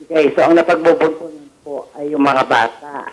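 A woman's voice: low voice, fairly even intonation, normal speed, rough recording. A woman with a Filipino accent, a social worker, explaining cases formally and politely. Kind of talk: official remote interview.

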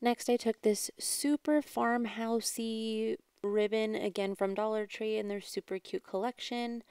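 A woman giving a casual, chatty do-it-yourself voice-over as a craft vlogger, with a creaky yet smooth voice. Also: mid-range voice, a little mellow, no echo, clean studio sound. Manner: chatty, informal. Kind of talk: casual DIY voice-over narration.

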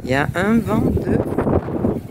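A woman's voice: mid-range voice, expressive, takes it slowly. A middle-aged woman chatting casually through a travel vlog, hesitating often, a little out of breath from walking. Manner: chatty, with frequent hesitations and laughs. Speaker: travel vlogger. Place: outdoors in a windy hilltop town. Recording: loud wind noise on the mic.

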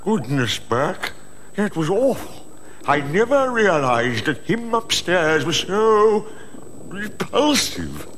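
A man's voice: high-pitched, sing-song, takes it slowly, fairly bright tone, full character voice. Man as fussy, swooping talking skull. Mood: appalled. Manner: prim, wordy, plaintive. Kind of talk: cartoon voice acting. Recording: noisy, echoey old video soundtrack.

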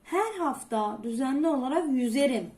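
A woman teacher explaining a lesson, asking herself rhetorical questions and answering them, with slow, stressed explanations. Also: high voice, lively intonation, a little mellow. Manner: asks many rhetorical questions. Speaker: Turkish teacher. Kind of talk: classroom lesson.

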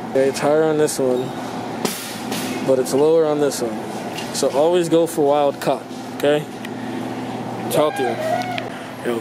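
Filming himself at arm's length with a handheld phone, a twenty-something guy chats in slang from his car and then a big warehouse store, where noise fills the background. His voice sits on the higher side, and he keeps things laid-back while slipping in tips for viewers.

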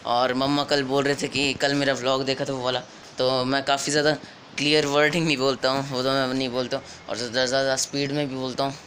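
A teenage boy with a slightly hoarse voice from a cold, recording a casual daily vlog on a handheld phone and speaking slowly and carefully. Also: medium pitch, level tone, a bit bright, slight background noise. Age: teens. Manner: talks slowly and carefully on purpose. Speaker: vlogger.

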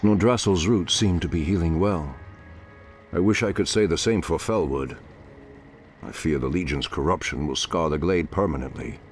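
An actor playing a grave ancient male night elf archdruid in a video game cutscene, speaking in a deep, solemn, measured way. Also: faint music behind, close to an everyday voice.

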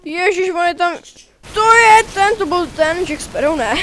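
A man giving casual, rambling commentary while playing a shooter game, excitable and swearing now and then. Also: very high-pitched, slight background noise. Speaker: gaming video creator.

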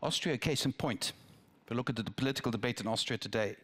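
A man's voice: medium pitch, quick pace, a bit bright. An older man from the Netherlands, a politician answering audience questions on a theatre stage through a headset mic, thoughtful, with restarts and asides. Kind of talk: town-hall dialogue.

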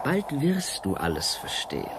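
In a radio play, a male actor voices a seductive, mysterious painter from an ancient world, coaxing and dramatic with halting pauses. His medium-pitched voice swoops wildly, the mood is mysterious and solemn, and the recording is very noisy.

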